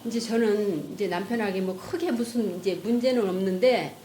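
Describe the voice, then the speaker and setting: A woman's voice: mid-range voice, moderate pace, dark tone. A woman giving an earnest, emotional personal testimony before a church congregation. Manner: earnest, emotional storytelling, voices her own past thoughts. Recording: echoey church room with faint noise.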